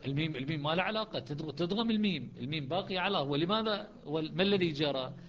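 A man teaching a lesson on Quranic readings, explaining step by step and slowing into chanted recitation. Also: on the high side, animated, lo-fi sound.

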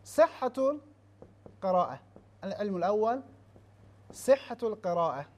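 This teacher's voice is medium in pitch and very animated. Lecturing to a class, he or she poses rhetorical questions, checks understanding with "ha?", and restarts words while slowly working through lists of terms in a halting way.

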